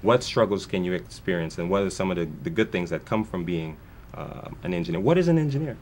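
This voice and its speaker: A man's voice: low voice, lively intonation, fast talker, darkish tone, a little hiss or hum. A man born in Guyana, a foundation founder speaking as a guest in a television interview, talking earnestly in long winding sentences with many restarts.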